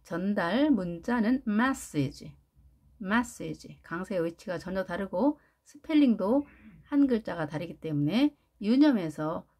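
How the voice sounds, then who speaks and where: A woman teaching English pronunciation in Korean, repeating each word slowly and stressing syllables. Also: medium pitch, animated, darkish tone. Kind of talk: pronunciation lesson with drilled repetitions.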